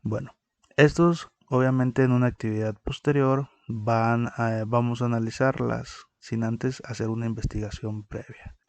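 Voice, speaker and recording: A man's voice: mid-range voice, steady tone, moderate pace, darkish tone, no room sound. A man teaching a recorded lesson on poetic meter, explaining step by step and counting syllables aloud.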